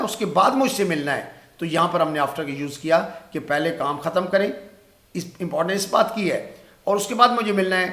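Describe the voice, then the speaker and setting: Male teacher with a Pakistani accent, slightly high voice, patient step-by-step explainer, echoey room. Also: a bit bright. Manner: explains step by step, repeats example sentences slowly. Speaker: English teacher. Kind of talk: spoken English lesson.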